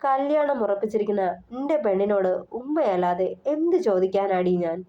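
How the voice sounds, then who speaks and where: A woman's voice: medium pitch, expressive, normal speed, muffled recording, natural voice. A woman voicing a drunk, teasing young man. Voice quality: slurred.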